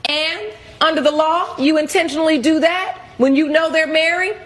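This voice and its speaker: A woman's voice: sits high, fairly even intonation, moderate pace, fairly bright tone. A woman presiding as a TV court judge, questioning and ruling in a blunt, scolding, commanding way.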